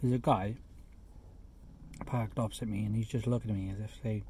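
A man's voice: on the low side, steady tone, a little fast, gravelly, mellow, slight background noise. Chatty man reviewing a burger. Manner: chatty, eats while talking, self-deprecating asides. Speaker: food reviewer. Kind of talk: casual food review vlog. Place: parked car. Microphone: phone camera.

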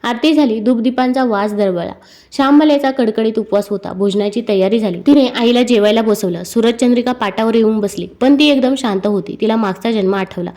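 A woman reading a devotional story aloud, with a rhythmic, measured recitation. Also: fairly high pitch, dark tone.

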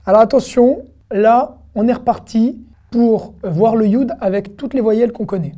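A woman teaching an online Hebrew lesson, patiently repeating syllables slowly and clearly in a chatty way. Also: a little high, dark tone.

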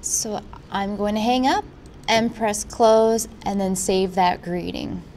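A woman presenting a software tutorial in an informal, instructional way. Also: mid-range voice, slow, slight background noise. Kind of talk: software walkthrough narration.

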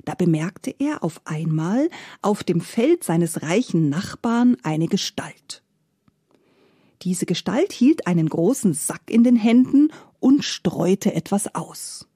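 A woman narrates a fairy tale at a slow, deliberate pace, with lively swings in pitch and soft whispered phrases. Her voice is dark and husky. The recording is dry and close. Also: no room sound. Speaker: storyteller.

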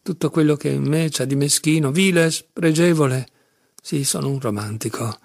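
A man's voice: a little high, moderate pace, creaky, a little mellow, no room sound, studio quality. A man reading an audiobook, voicing a tormented young man who speaks insistently and with agitation. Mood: agitated.

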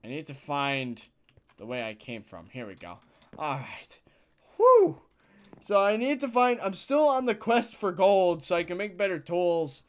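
A man giving casual let's-play commentary as a gaming channel host, thinking out loud with sudden loud exclamations between quiet mutters, a bit tired. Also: high voice, very animated, unhurried. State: yawning, tired.

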